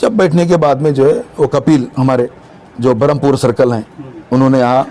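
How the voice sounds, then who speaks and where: A man's voice: mid-range voice, normal speed, dark tone. A man speaking as spokesman for market vendors in a street interview, complaining with emphatic agitation.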